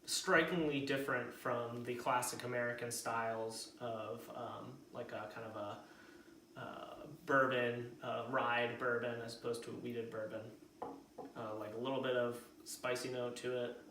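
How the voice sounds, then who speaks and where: A man's voice: mid-range voice, fairly even intonation, a little slow, a bit bright, a little hiss or hum. A man hosting a whisky tasting, explaining flavors in a hesitant way full of ums and likes. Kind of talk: casual tasting chat. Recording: roomy sound from a distant mic.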